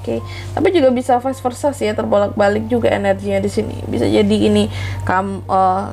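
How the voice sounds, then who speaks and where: A woman's voice: medium pitch, fairly even intonation, a little fast, gravelly, darkish tone. A woman hosting a casual tarot horoscope reading, chatty and informal, speaking directly to listeners with a congested, nasal voice from a blocked nose and flu. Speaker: tarot reading channel host. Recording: music behind the voice. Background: background music.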